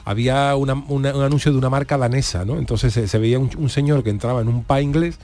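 A man's voice: mid-range voice, quick pace, darkish tone. Rambling man telling stories. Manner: rambling storyteller with restarts. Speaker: radio co-host. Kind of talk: casual chat, telling anecdotes.

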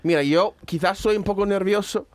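A high-pitched man talks in a casual panel chat. He stumbles and repeats words and pokes fun at himself. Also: no echo. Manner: halting, self-deprecating, repeats words. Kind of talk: casual group chat in Spanish.

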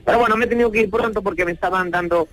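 Flustered, high-voiced Catalan peasant. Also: male voice, racing, no room sound, poor audio. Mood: excited, sheepish. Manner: rambling, stammering, excitable, apologetic. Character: flustered, earthy Catalan peasant man in a nativity scene. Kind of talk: radio comedy sketch interview.

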